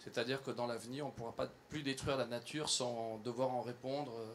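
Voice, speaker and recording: A man speaking at a public event, earnest in tone and pausing often with fillers and restarts. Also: mid-range voice, fairly even intonation, fairly bright tone, slight background noise. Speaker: environmental campaigner addressing company staff. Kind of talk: public talk to an audience.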